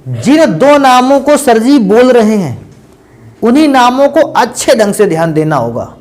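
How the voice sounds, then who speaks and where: A man's voice: very high voice, big pitch swings, measured pace, a little mellow. A man teaching chemistry in a lecture. He calls his students beta and bhaiya and keeps asking questions and answering them himself. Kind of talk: classroom lecture.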